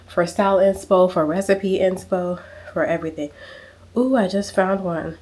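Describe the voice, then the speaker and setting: A woman in her thirties talks straight to her handheld camera in a relaxed lifestyle vlog. Her voice sits a little low, and she leans on emphasis, saying her key points twice. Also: moderate pace. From United States. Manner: chatty, emphatic, repeats phrases for effect. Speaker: lifestyle vlogger. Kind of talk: casual vlog chat. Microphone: small handheld camera mic.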